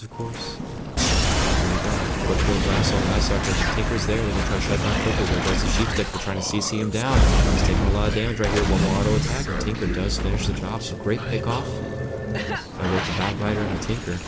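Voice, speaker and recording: A man with a low voice commentates a video game match at a quick pace. His play-by-play is casual and rambling, with self-corrections along the way. Loud game music plays behind him. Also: fairly even intonation. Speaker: esports caster. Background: game music with battle sound effects.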